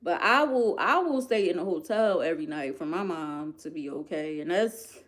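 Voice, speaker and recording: A woman with a Philadelphia accent chatting casually to her viewers, animated and emphatic, repeating lines for effect. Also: on the low side, moderate pace. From United States. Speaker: vlogger. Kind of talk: casual chat to camera.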